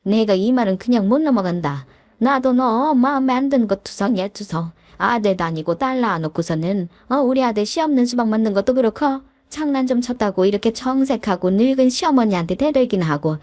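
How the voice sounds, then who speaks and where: A woman voicing a nagging, sharp-tongued older mother-in-law who grumbles and scolds, in a raised voice for a spoken story. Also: a little high, expressive, a little fast, no room sound, natural voice. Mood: indignant.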